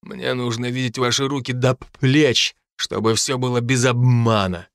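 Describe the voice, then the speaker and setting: A man voicing a calm, exacting male professor who stutters on his consonants, in an audiobook. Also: mid-range voice, normal speed, clear, resonant tone, no room sound, clean studio sound, lightly acted. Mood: instructive. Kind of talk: audiobook character voice.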